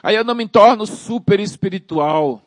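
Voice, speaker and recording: Preacher, high tenor, emphatic and repetitive, dry close recording. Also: male voice, lively intonation, normal speed, no room sound. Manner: emphatic, repeats phrases and calls out to the congregation. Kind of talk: sermon.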